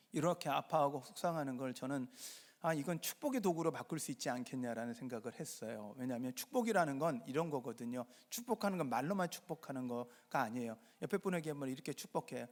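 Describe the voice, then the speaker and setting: Korean pastor preaching in a ringing hall. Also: male voice, fairly high pitch. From Jeolla, Korea. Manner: asks the congregation rhetorical questions and answers them himself. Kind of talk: sermon. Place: church sanctuary. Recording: reverberant church hall.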